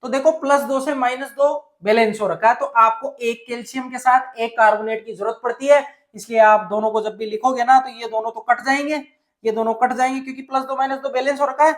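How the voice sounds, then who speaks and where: A man's voice: extremely high pitch, fairly even intonation, brisk. Male teacher quizzing and answering himself. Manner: explains step by step, asks and answers own questions. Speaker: science teacher. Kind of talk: classroom chemistry lesson.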